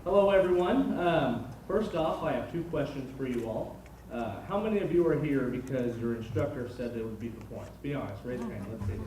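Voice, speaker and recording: A man's voice: mid-range voice, animated, brisk. A young man giving a prepared motivational speech as a student leader to an audience in a large auditorium. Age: young adult. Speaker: student body president addressing freshmen. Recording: very echoey hall, distant, faint noise.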